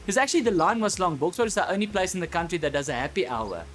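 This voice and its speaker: A man with a South African accent telling a stand-up comedy story, loose and animated with a lot of swearing. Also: high-pitched, rapid-fire, a little hiss or hum.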